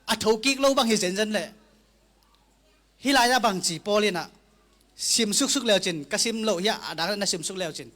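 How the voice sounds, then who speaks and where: A man preaching a sermon slowly and deliberately, sometimes closing a thought with an amen. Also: high voice, pushed and bright. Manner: slow, deliberate preaching with frequent amens.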